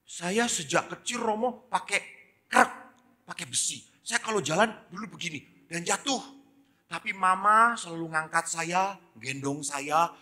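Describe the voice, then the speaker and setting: A cheerful young boy with polio, speaking high and bright with polite eagerness, as a preacher puts him on. He is a figure in a spoken sermon story. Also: expressive, measured pace, big-room sound, heavily acted. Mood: earnest.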